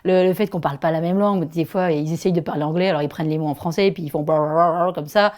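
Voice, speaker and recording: A primary school teacher talks casually in an interview. She tells stories with animated energy and frequent laughter. Her voice sits a little on the low side. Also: fast. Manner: animated storyteller, laughs often.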